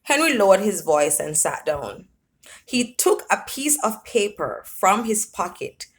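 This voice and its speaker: A woman's voice: medium pitch, sing-song. A woman reading a literary story aloud, laughing at times as she reads. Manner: unhurried, laughs while reading. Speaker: reader.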